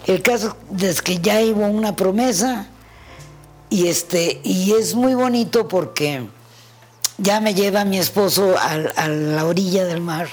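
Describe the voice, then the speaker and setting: A woman with a husky, breathy voice recounts her memories as a pianist. She tells her stories with animation and slips into the voices of the people in them. Soft music plays faintly in the background. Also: medium pitch, measured pace. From Mexico. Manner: animated storyteller who acts out the voices in her anecdotes. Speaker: pianist guest. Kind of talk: storytelling in an interview.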